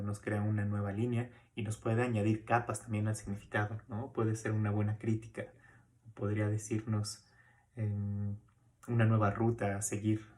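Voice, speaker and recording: A man giving a recorded course lecture in a relaxed, conversational way, often checking in with tag questions and fillers as he explains. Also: on the low side. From Mexico. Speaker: university lecturer.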